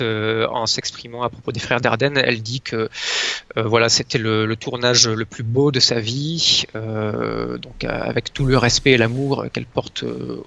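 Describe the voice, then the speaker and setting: A man presenting as an astrologer guest in casual talk, hesitant and often pausing to search for his words. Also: mid-range voice, gravelly, fairly bright tone. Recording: dull lo-fi sound.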